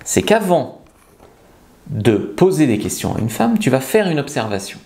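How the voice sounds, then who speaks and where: A man's voice: mid-range voice, sing-song, moderate pace, darkish tone. A man coaching viewers on how to talk to women, speaking bluntly and emphatically straight to the viewer and sometimes acting out pickup lines. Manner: acts out nervous and confident pickup lines. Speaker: seduction coach. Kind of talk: direct-to-camera advice video.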